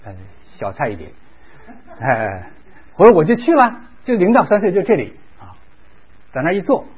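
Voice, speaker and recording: A man's voice: high-pitched, wildly swooping pitch, moderate pace, breathy edge. A man preaching a sermon, telling a story with animation, acting out quoted voices, and dropping in English words. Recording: dull lo-fi recording.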